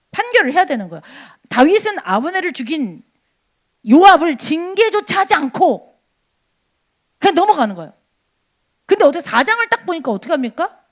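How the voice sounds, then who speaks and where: A woman preaching a sermon at a church service, asking rhetorical questions and acting out quotes. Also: sits high.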